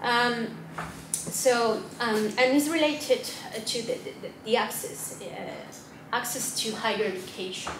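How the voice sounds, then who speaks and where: A woman's voice: fairly high pitch, slow pace. Hesitant Chilean woman presenting in a hall. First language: Spanish. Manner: hesitant, many fillers and restarts. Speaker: academic panelist. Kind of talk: symposium presentation. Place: conference room. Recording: echoey hall with noise.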